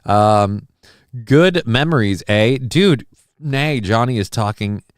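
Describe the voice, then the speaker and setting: A medium-pitched, expressive man hosts a relaxed live stream from his home desk mic, taking things slowly. The audio is clean, studio-grade and echo-free as he cracks crude jokes and reads out viewer comments like a mock-heroic war address.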